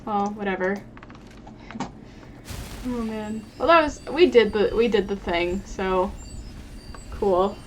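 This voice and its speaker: A woman's voice: mid-range voice, takes it slowly, long pauses. A young woman streaming a game and chatting casually, swearing and talking to the characters as she plays. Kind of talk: casual gameplay commentary. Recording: noisy stream audio.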